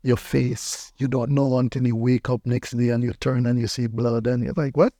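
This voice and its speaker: A Belizean pastor with a Belizean accent tells personal stories as a podcast guest, repeating phrases emphatically for effect. He speaks at a medium pitch and normal speed, warm in tone with little pitch movement. There is no echo.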